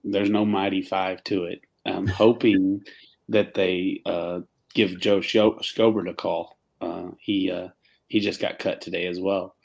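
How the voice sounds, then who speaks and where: Very deep, gravelly-voiced male podcast guest. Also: level tone, measured pace, a little mellow. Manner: easygoing, hesitant with many fillers. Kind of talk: casual sports podcast chat.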